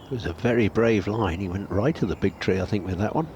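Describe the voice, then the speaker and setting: Lowish-voiced male golf commentator, noisy background. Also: fast talker, a little mellow, muffled recording. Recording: noisy outdoor ambience behind voice.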